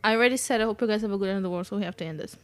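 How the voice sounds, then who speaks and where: A woman with a soft, soothing voice, hosting a podcast in casual chat and laughing often. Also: medium pitch, rapid-fire. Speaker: podcast host.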